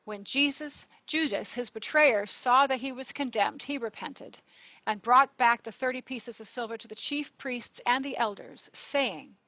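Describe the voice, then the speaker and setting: Bright woman narrating scripture. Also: on the high side, a little slow, dry recording, muffled recording. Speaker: narrator of the gospel reading. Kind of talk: liturgical scripture reading.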